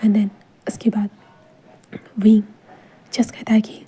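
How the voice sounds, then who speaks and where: A woman's voice: mid-range voice, monotone, slow pace, warm tone, slightly rough. A woman telling a fan-fiction love story in casual whispered role-play, mixing in English words.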